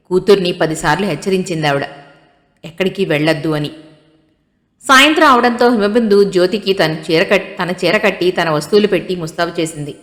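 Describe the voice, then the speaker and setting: Low-voiced woman narrating a story. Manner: steady, storytelling. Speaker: audiobook narrator. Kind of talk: scripted narration. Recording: long hall reverb.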